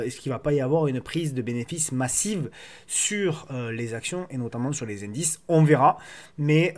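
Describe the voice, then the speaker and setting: A man's voice: mid-range voice, a little mellow. A man hosting a casual market commentary video, repeating words as he feels his way through his phrasing. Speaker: host of a stock market analysis show.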